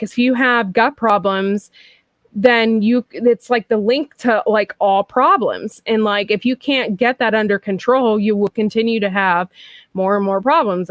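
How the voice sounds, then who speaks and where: A woman's voice: medium pitch, dry recording. Chatty woman in her thirties, dry sound. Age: 30s. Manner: chatty and frank, with frequent laughs and fillers. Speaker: host. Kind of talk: casual chat.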